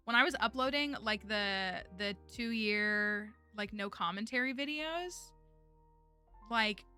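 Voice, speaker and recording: She takes it slowly, her medium-pitched voice bright and forceful. A young streamer who also teaches online, she chats loosely on a livestream, filling it with fillers, restarts and laughs, recorded on a headset or desk mic over a faint music bed.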